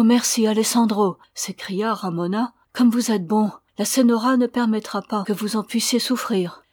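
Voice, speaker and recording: A woman reading a classic novel aloud, gently acting out the dialogue in an even storytelling voice. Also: lowish voice, no room sound, clean studio sound. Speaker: audiobook reader.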